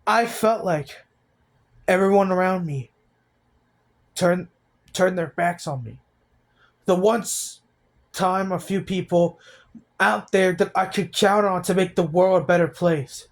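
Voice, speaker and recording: In his personal vlog, an eighteen-year-old guy haltingly shares how he feels, sounding low in spirits and frequently starting his sentences over. He has a high voice.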